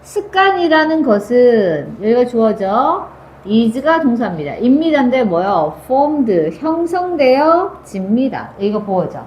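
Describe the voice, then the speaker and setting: Woman, high school English teacher, high voice, lively swoops, grammar lecture, echoey room with faint hiss. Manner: asks and answers her own questions; reads English phrases slowly.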